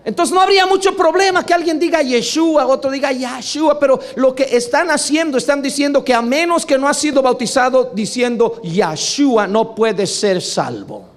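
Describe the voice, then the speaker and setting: A man preaching a sermon to a congregation, emphatic, asking for agreement and swinging between low asides and loud exclamations. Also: expressive, normal speed, few pauses. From Latin America.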